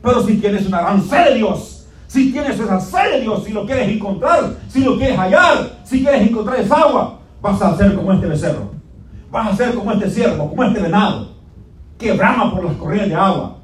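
Fervent high-voiced male preacher in an echoey church. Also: lively intonation, normal speed. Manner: fervent, repetitive exhortation swinging between soft and loud. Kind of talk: impassioned sermon. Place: church sanctuary. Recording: echoey church room, distant mic, background noise.

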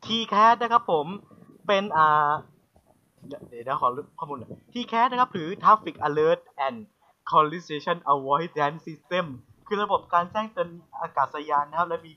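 A man's voice: fairly high pitch, slow pace. A young man hosting a casual podcast chat, joking and hesitant, with many fillers. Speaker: podcast host. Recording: lo-fi with faint noise.

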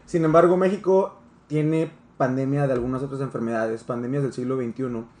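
A man's voice: medium pitch, fairly even intonation, fairly quick, a little mellow, roomy sound. A young man with a Mexican accent hosting a casual discussion, explaining things in a joking way. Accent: Mexican Spanish. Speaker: host.

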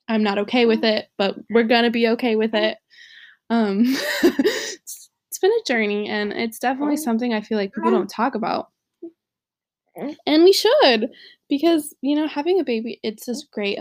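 A young woman hosting a podcast, chatting candidly and joking, laughing often. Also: fairly high pitch. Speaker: podcast host. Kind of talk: casual chat.

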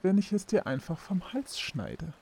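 A woman's voice: lowish voice, big pitch swings, measured pace, a little mellow, husky, heavily acted. A woman voicing a menacing, mocking young man in an audiobook, with a sneering, threatening manner.

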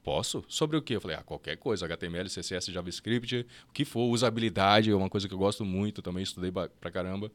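A Brazilian man telling his story as a podcast guest, lively and quick, with fast restarts and acted-out bits of dialogue. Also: low voice, no room sound. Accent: Brazilian Portuguese. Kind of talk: casual storytelling interview.

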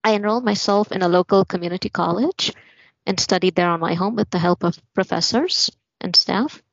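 A young woman from Malawi telling her life story as a guest, in a steady, matter-of-fact way. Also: medium pitch, a little fast, gravelly, no echo. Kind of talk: personal story in a podcast interview. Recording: muffled lo-fi audio.

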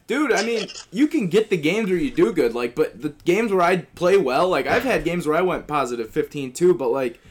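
A man's voice: fairly high pitch, normal speed, few pauses, husky. A man in his early twenties in casual, slangy banter with friends, complaining with plenty of swearing. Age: early 20s. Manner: slangy, profane, animated complaining.

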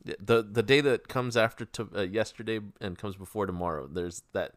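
A man's voice: fairly low pitch, brisk, dry recording, studio quality. A man chatting casually, with an informal, teasing way of putting questions to the other person. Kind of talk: casual chat.

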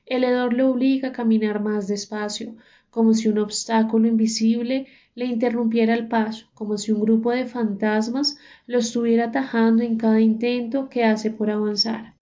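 A woman narrating a dark story in a slow, deliberate reading, on a dull, muffled recording. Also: on the high side, steady tone.

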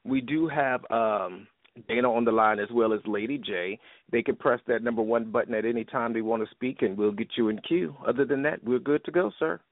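A man's voice: mid-range voice, a little fast, dry recording. A man moderating a call-in show, easygoing and conversational, chuckling now and then. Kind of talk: casual chat on a call-in show. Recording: dry tinny phone line.

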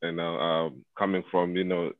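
A man with a very low, monotone voice tells his answers in a loose, meandering way full of "uh" and "you know." The sound is thin and phone-like, and the room around him is completely dry. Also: normal speed, no room sound. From Zambia. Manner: rambling, many fillers. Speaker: guest, former pro basketball player. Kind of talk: casual interview answers. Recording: phone-like call audio.

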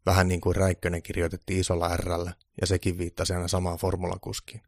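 A man calmly narrating a scripted story in an even, deadpan reading voice. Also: sits low, dry recording, studio quality.

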